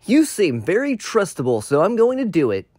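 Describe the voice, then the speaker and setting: A man's voice: high voice, huge pitch swings, moderate pace, a little mellow, no echo, clean studio sound, heavily acted. A man voicing a cool young hedgehog with a flippant, dismissive manner in an improvised comedy dub.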